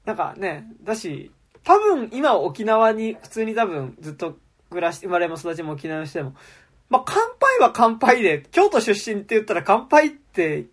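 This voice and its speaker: A woman's voice: mid-range voice, moderate pace. A woman co-hosting a casual podcast chat about a TV drama, acting out quoted lines as she talks. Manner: animated, acts out quoted lines. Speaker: podcast co-host.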